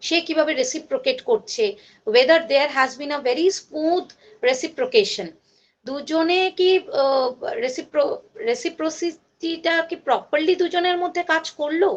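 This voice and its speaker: A woman's voice: high-pitched, unhurried, highs cut off. A woman college lecturer with a Bengali accent, teaching a class in a mix of Bengali and English, with many fillers and self-corrections.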